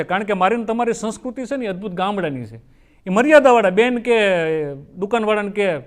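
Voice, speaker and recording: A man telling folksy comic stories on stage and acting out his characters' lines. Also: high voice. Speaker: folk comedian. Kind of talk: stage comedy storytelling.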